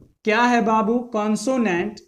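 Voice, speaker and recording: Slow, patient male English teacher. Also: sits high, steady tone. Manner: patient, repeats each point and asks the class questions. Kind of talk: classroom-style pronunciation lesson.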